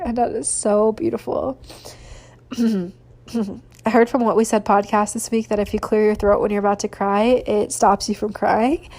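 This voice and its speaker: A woman chats casually on her solo podcast. She gushes sentimentally and fills her sentences with ums and likes. Her voice sits at an ordinary middle pitch for a woman. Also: darkish tone. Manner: gushing and sentimental, with frequent fillers. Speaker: podcast host.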